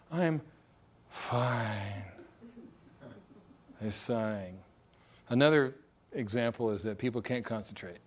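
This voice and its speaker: A man's voice: mid-range voice, darkish tone. A middle-aged man presenting a divorce recovery seminar in a conversational way, with joking asides and acted-out examples. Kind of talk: recorded seminar talk.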